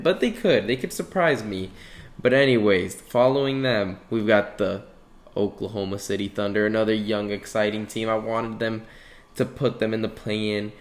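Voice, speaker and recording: A young man with a fairly low voice, talking through sports predictions in a loose, casual way. He rambles, corrects himself and throws in offhand sarcasm. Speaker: sports video host.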